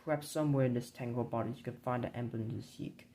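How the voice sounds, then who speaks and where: A man narrating a dark board game campaign in a measured, grim storybook reading. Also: mid-range voice, fairly even intonation, slight background noise, low-quality recording.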